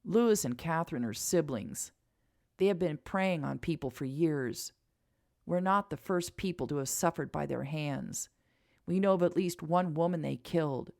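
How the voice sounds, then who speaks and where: A woman voicing a calm, protective young man who speaks gently and steadily in a storybook reading. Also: sits low, normal speed, vocal fry. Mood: serious.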